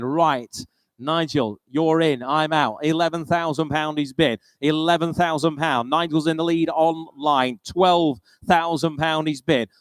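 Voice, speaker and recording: A British man runs a live auction as auctioneer, repeating bid figures in practised patter. His voice sits a little high for a man and is smooth and clear. The sound is close and dry, with no room echo.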